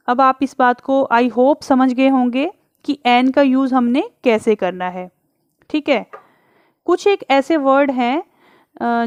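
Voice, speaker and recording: Slow, high-voiced woman teacher explaining grammar. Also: clear, resonant tone, dry recording. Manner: patient, repeats questions to the class. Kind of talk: explaining English grammar in Hindi.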